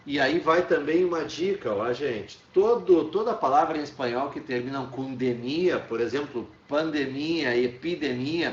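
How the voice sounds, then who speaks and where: A man's voice: mid-range voice, distant mic. Brazilian man teaching in an echoey room. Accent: Brazilian Portuguese. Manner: explains with many "tá?" checks and restarts. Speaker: Spanish teacher. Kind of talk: online class lecture. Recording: echoey room, dull lo-fi sound.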